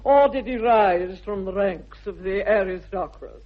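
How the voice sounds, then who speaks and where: A woman's voice: medium pitch, normal speed, close to an everyday voice. An actress playing a formidable, snobbish older aristocratic lady with an upper-class English accent in a British radio comedy of the 1960s, haughty and theatrical. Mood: haughty, probing. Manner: imperious, haughty, theatrical swooping delivery. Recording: dull vintage radio recording.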